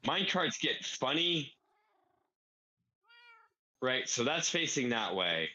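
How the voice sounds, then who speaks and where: A man with a medium-pitched, sing-song voice talks slowly and sharply through a farm build in a casual gaming tutorial, thinking aloud step by step as he plays. The audio quality is poor.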